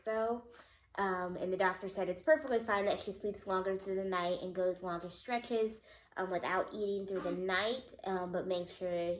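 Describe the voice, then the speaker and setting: A young mother vlogs a casual update in a medium-pitched voice, sounding a little congested and nasal. She chats loosely, with lots of ums and likes, and the echoey room carries a slight hiss or hum.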